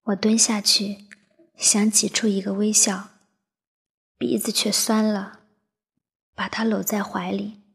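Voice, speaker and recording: Woman narrator, emotional first-person story; husky, gravelly tone, unhurried reading over soft music. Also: mid-range voice, little pitch movement. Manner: soft, breathy, half-whispered delivery.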